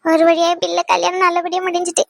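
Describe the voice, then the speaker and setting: A woman's voice: extremely high pitch, completely flat delivery, fast, gravelly, heavy background noise. A woman voicing a fussing, affectionate middle-aged mother of the bride in a cartoon. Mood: fussy.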